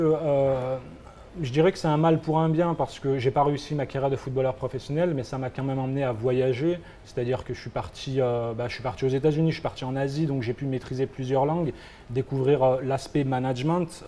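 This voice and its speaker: Answering interview questions as a guest, a young French founder of a football agency speaks hesitantly, full of fillers and restarts. His mid-range, mellow voice keeps a steady tone at a fairly quick pace, over a little hiss or hum.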